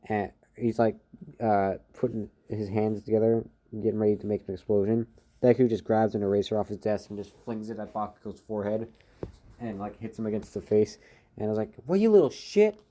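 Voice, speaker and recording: A man's voice: fairly low pitch, little pitch movement, brisk, warm tone. A man improvising a fan story, rambling with many fillers and restarts.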